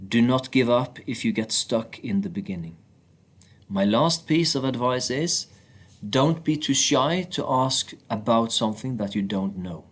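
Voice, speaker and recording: Man, reading aloud from a book, mid-range voice, steady plain delivery. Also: medium pitch.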